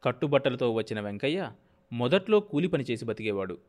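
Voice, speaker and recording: A man narrating a novel as an audiobook, in a steady, measured storytelling manner. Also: mid-range voice.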